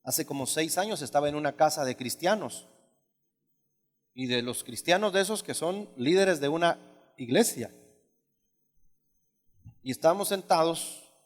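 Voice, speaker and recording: Preaching unhurriedly in a church hall with hall reverb, this male pastor uses lively intonation and pauses often. He asks the congregation many questions, emphatic and conversational, shifting from loud high outbursts to low asides.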